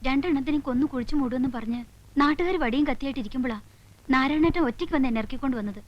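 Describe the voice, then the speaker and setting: An actress playing a patient, coaxing village wife. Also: female voice, high-pitched, rapid-fire, highs cut off, lightly acted. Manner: coaxing, earnest pleading. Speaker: film character, a wife. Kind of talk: 1990s film drama acting.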